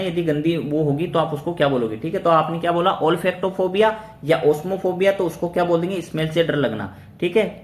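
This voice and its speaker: A man runs an exam-prep vocabulary lesson, firing a question and answering it himself, then repeating the word and spelling it out. His voice sits somewhat high. The recording is roomy, with a faint hiss behind. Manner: spells words letter by letter. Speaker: vocabulary teacher. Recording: roomy echo with faint background noise.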